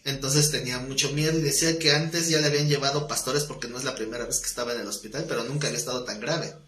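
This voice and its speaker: A man's voice: medium pitch, fairly even intonation, very fast, a bit bright, reverberant. A man teaching a Bible study class in a conversational way, telling stories with acted dialogue and asking the class questions.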